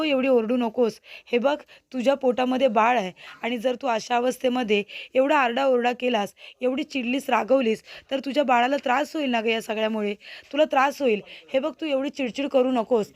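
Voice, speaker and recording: A woman's voice: sits high, moderate pace, no room sound. A woman voicing a scheming mother-in-law who pleads sweetly and plays innocent. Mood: pleading. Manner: pleading, sugary.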